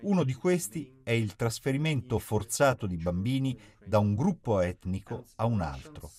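A man reading an Italian voice-over for an interviewee, measured and earnest. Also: mid-range voice, lively intonation, darkish tone.

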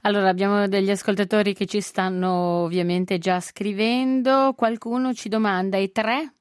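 A woman's voice: mid-range voice, fairly even intonation, normal speed, clear, resonant tone, no echo, studio quality. A woman hosting a radio segment and reading listener questions aloud. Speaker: radio host.

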